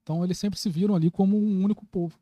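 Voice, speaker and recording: A very mellow, dark-toned man with a Carioca accent from Rio, talking quickly in a casual podcast chat. He is opinionated and informal, and drops in swear words as he goes. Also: sits high, steady tone, dry recording. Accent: Carioca (Rio de Janeiro) Brazilian. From Rio de Janeiro, Brazil.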